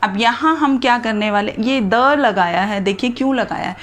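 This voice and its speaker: A woman's voice: on the high side, normal speed. A woman teacher giving a grammar lesson, spelling out letters and examples one at a time.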